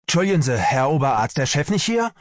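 A man voicing an agitated army medic who reports in an excited, urgent way. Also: fairly high pitch, fast talker, no echo, studio quality, voice pushed up. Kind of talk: audiobook character voice.

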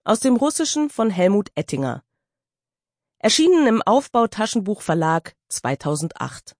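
Brief: a woman narrator, dry studio sound, expressive and animated reading. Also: medium pitch, moderate pace, no room sound. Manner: expressive, lively storytelling. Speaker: audiobook narrator. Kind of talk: audiobook narration.

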